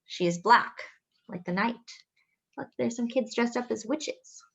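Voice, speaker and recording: In a muffled recording, a woman with a slightly high, gravelly, somewhat rough voice leads story time. She reads a picture book to young kids expressively and sing-song, drawing out phrases and tossing in asides and questions.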